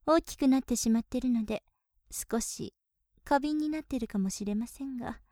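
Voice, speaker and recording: Whispered role-play: young woman voicing a polite, teasing maid, slightly high, warm tone, dry close mic. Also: normal speed, no echo, close to an everyday voice. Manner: polite, softly teasing, with breathy giggles.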